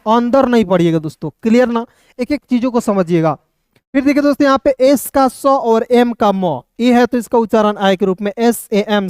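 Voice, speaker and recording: A male English teacher walks through spelling and pronunciation rules, sounding out letters before saying each word. His voice is smooth and clear. The recording is close and dry, with no room sound. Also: very high voice, darkish tone, no echo. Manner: spells words letter by letter, often repeating "दोस्तों".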